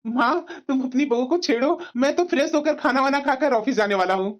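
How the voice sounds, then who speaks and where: A performer voicing a kind, newly married young husband in a cartoon story, gentle and reassuring. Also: high voice, brisk, natural voice. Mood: playful.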